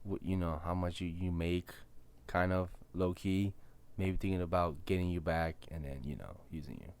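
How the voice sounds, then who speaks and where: Young man, podcast co-host, lower voice, quick questions and teasing remarks. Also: a little mellow, clear, resonant tone. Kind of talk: casual chat.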